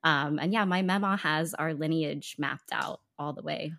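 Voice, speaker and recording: A woman's voice: sits low, moderate pace, vocal fry, a bit bright. A young woman co-hosting a pop culture and law podcast, chatting in a bubbly way and laughing often. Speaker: podcast co-host, attorney. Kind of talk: casual chat.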